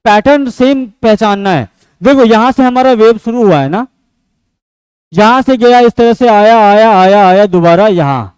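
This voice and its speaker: A man's voice: high-pitched, normal speed, smooth, no room sound, low-quality recording. A man teaching a physics class, often asking the students a question and answering it himself. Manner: asks and answers his own questions; switches between loud and soft speech.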